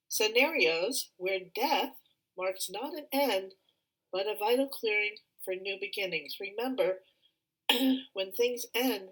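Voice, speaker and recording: A woman's voice: mid-range voice, fairly bright tone, low-quality recording. Rambling woman presenting a seminar. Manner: rambling, many fillers and throat clearing. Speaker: feng shui and Chinese astrology consultant. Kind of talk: live online presentation with slides.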